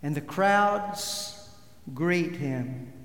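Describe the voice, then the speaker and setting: Slow-preaching pastor in an echoey church. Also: male voice, a little high, expressive, vocal fry, a bit bright. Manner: slow, deliberate preaching with emphatic stresses. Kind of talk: sermon. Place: church sanctuary. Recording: echoey hall with long reverb.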